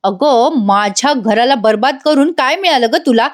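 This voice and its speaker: A woman's voice: sits high, expressive, moderate pace. A woman reading a scathing, bitter young woman. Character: bitter young woman whose home was ruined.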